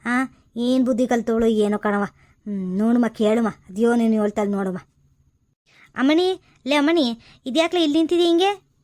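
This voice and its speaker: A woman playing a sharp-tongued older village mother-in-law who scolds and nags with sarcasm, in a comedy skit. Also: a little high, normal speed, long pauses, lightly acted. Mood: scolding.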